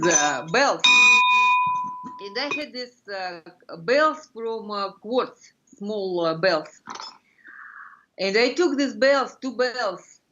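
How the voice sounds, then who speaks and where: A middle-aged woman from Russia with a Russian accent, explaining things as an interview guest in halting, fragmented phrases, searching for words. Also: mid-range voice, background noise. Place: furnished room indoors. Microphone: video call computer microphone. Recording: muffled lo-fi video-call audio.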